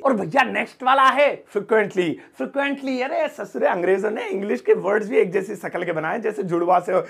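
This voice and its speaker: A male teacher runs a playful vocabulary lesson, joking and acting out little everyday scenes. His voice sits fairly high and has a gravelly, husky edge. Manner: joking, chatty, acts out everyday example lines. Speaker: English teacher.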